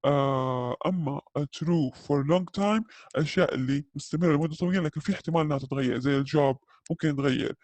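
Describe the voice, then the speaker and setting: A man teaching an English grammar lesson, saying the English examples slowly and carefully and often checking in with his listeners. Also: fairly high pitch, a little mellow, no echo. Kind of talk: grammar lesson explained in Arabic.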